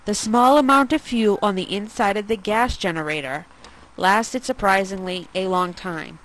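A woman narrating her home-built gasifier experiments as a scripted voice-over, steady and explanatory. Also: mid-range voice, moderate pace, rough recording. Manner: steady, explanatory, with small slips. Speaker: channel host narrating.

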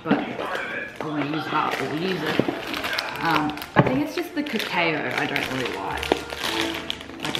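A young woman vlogging at home as a mother, chatting casually and cooing to her toddler in sing-song tones. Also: sits low. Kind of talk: casual vlog chat. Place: home kitchen and bedroom. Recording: roomy home audio with music behind.

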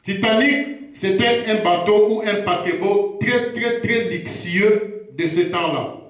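Man, preacher, sermon teaching, repetitive, unhurried, strong echo. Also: high voice. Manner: slow, repetitive, hesitant. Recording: very echoey room.

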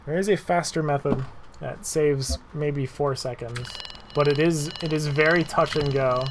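Easygoing male speedrunner explaining routes, self-deprecating, recording carries clear background noise. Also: a little high, unhurried. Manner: relaxed, self-deprecating, frequent fillers and repeated words. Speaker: speedrun tutorial narrator. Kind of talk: casual gameplay walkthrough commentary.

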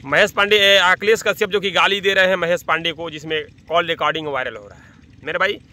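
His voice sits high with fairly even intonation, and he talks fast in a pushed, bright tone. The vlogger, outdoors in an open-sided thatched hut next to farm fields, speaks into an arm's-length phone with emphatic casual commentary, repeated phrases and frequent "brother."

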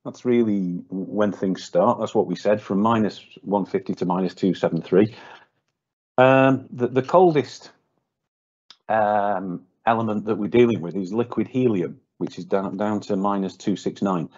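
A man's voice: on the low side, a little slow, a little mellow. A man presenting a technical webinar for a welding company, speaking off the cuff with many fillers and repeated words. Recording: dull lo-fi webinar audio.

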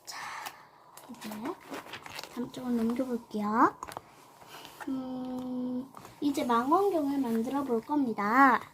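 A woman's voice: high-pitched, steady tone, slow, long pauses, a bit bright, slight background noise. A young girl hosting her channel, narrating a toy build step by step with cheerful ta-da calls. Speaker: channel host.

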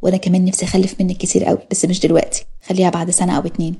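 A woman's voice: on the low side, flat delivery, racing, warm tone, breathy edge. A woman doing a tender young Egyptian husband. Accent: Egyptian Arabic. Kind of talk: audio story reading.

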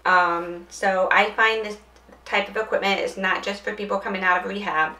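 A woman's voice: mid-range voice, steady tone, moderate pace, pushed and bright. A woman giving a casual how-to demonstration of dressing aids, chatting and thinking aloud as she goes. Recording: roomy echo, distant mic, faint noise.

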